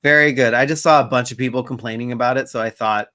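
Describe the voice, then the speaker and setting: Male co-host, mid pitch, relaxed and conversational, dry close recording. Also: fast talker, no room sound. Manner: easygoing, reads out live chat comments. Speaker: podcast co-host. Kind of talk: casual chat.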